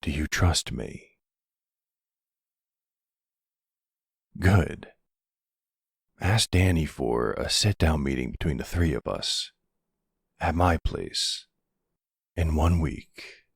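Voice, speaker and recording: In an intimate ASMR roleplay, a middle-aged man voices a protective silver-fox mafia boss, calm and resolute, lingering tenderly over soothing phrases laced with pet names. His extremely low voice is gravelly, husky, and breathy, exaggerated and animated, recorded close and dry without any room sound.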